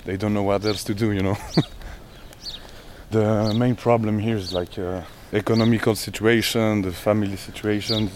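A man working with kids, talking casually outdoors in halting, non-native English with many fillers. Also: on the low side, flat delivery, darkish tone, slight background noise. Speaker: youth worker. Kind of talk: casual interview. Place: outdoors in a neighbourhood.

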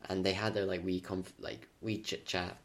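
Very deep-voiced man. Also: flat delivery, normal speed. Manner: enthusiastic, rambling, short agreeing replies. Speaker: podcast co-host. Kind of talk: casual chat.

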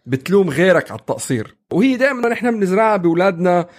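Guy talking super fast, a bit husky, kinda high voice, lively podcast chat. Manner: animated, acts out children's voices, many restarts. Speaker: podcast co-host. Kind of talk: casual parenting chat.

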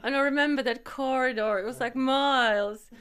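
A woman with a fairly high voice talks casually on a podcast microphone. She speaks hesitantly, repeating words and searching for the next phrase. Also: normal speed, a bit bright, clear, resonant tone. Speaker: podcast co-host. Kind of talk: casual chat.

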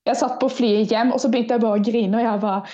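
A woman's voice: a little high, fairly even intonation, dark tone. A young woman guest telling stories in a casual interview, acting out her own past remarks, heard over a video call from a student room. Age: young adult. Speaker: guest ultrarunner. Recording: dull lo-fi video call audio.

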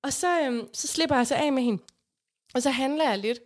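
A woman chatting casually and telling an everyday anecdote with lively energy. She laughs often between lines, and her voice sits a bit high. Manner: animated storyteller, laughs often. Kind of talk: casual storytelling chat.

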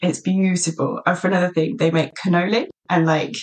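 Eagerly chatting as a podcast co-host, a woman from a small market town in south-west England speaks a little fast, sprinkling in plenty of "like." Her voice is fairly low, with little pitch movement.

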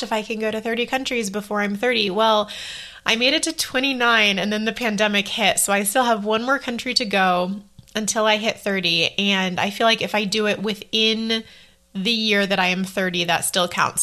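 A woman's voice: mid-range voice, bright, forceful tone. A woman in her thirties hosting a solo podcast, talking casually and rambling, often correcting herself as she goes. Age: 30s. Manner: chatty and rambling, quick self-corrections. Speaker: podcast host.

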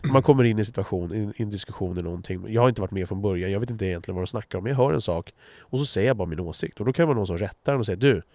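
A man's voice: fairly low pitch, hardly any pauses, a little mellow, no room sound. A blunt, direct man from Sweden in casual conversation, swearing freely and often restarting his sentences.

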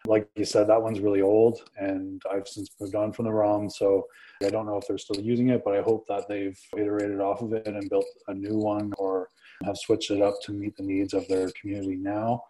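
A man answering interview questions as a panel guest over a video call, relaxed and thoughtful. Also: lowish voice, normal speed, rough recording. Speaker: panel guest, digital museum leader.

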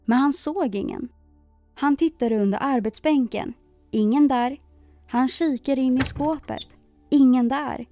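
A woman reading a children's fairy tale aloud in an expressive storyteller style. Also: high-pitched. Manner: expressive, emphatic repetition.

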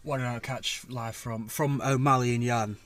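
A man's voice: medium pitch, fairly even intonation, normal speed, fairly bright tone, slight background noise. A British man co-hosting a casual sports podcast in a car park, talking informally and a little hesitantly. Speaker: podcast co-host. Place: car park, recording on location.

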